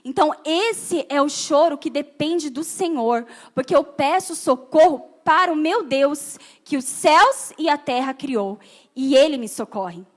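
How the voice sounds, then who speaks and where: A woman's voice: sits high, animated, unhurried. A Brazilian woman pastor preaching a sermon, often asking the congregation questions. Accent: Brazilian Portuguese.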